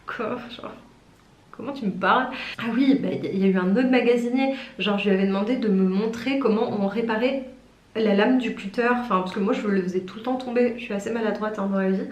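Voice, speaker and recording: A woman's voice: mid-range voice, fast talker, a little mellow. A young woman in her twenties from France, telling a story in a chatty, self-mocking way and acting out the people in it with a raised voice. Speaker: pharmacy student vlogger. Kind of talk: casual storytelling vlog. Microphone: camera mic. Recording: roomy echo.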